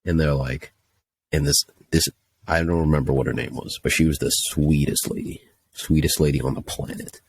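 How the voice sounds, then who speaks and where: A man's voice: very deep voice, steady tone, normal speed, a little hiss or hum. A young man telling a story casually, ranting in an exasperated, profane way. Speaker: podcast host telling a story.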